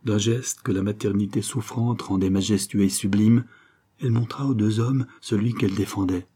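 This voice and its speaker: A male audiobook narrator reads literary prose in a measured, dramatic way. His voice is low, dark and husky. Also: steady tone.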